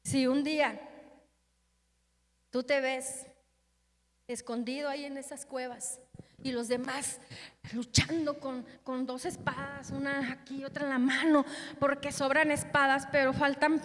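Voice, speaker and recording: High-voiced fervent woman preacher. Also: little pitch movement, measured pace, pauses often, big-room sound. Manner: fervent, dramatic shifts in loudness. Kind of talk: emotional Easter sermon.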